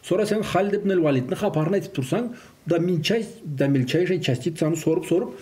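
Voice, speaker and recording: His high-pitched voice has a darkish tone and moves at a quick pace. He's a native Karachay-Balkar speaker in an informal faith-based talk about raising children, and he weaves in Russian words and phrases.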